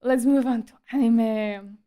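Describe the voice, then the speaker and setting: Slow-paced, smooth, high-voiced woman streamer. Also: fairly even intonation, warm tone. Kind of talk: casual livestream monologue.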